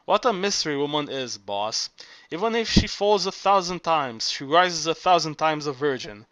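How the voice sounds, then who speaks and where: A man's voice: a little high, expressive, normal speed, fairly bright tone, dry recording. A man reading the part of an earthy, exuberant old Greek workman who talks in an expansive, lusty way.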